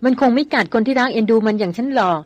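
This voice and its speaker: A woman's voice: on the high side, rapid-fire, a little mellow, natural voice. A woman reading aloud as a spirited, headstrong young woman who talks eagerly and scolds sharply. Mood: eager, pleading.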